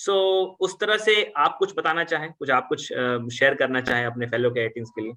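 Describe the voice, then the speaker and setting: A man moderating an alumni panel, asking questions hesitantly with many filler pauses. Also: mid-range voice, bright, forceful tone. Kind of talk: conversational panel talk.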